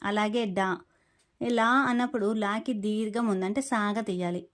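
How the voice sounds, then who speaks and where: A woman's voice: mid-range voice, steady tone. Patient woman teaching chant pronunciation. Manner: patient, spells out syllables slowly when demonstrating. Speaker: devotional teacher.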